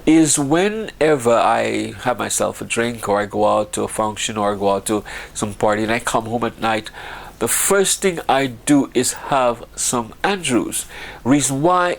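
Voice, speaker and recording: A man's voice: medium pitch, gravelly. A man from Guyana chatting casually and ramblingly about his home remedies, with frequent restarts and laughs. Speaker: vlogger.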